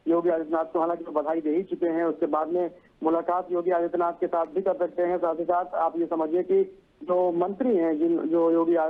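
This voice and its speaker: A male news correspondent reporting live, talking in long sentences with frequent fillers and restarts. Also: high-pitched. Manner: repeats "सीधे तौर पर" and "आप समझिए", many fillers and restarts. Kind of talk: live news report over a phone line. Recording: tinny phone line.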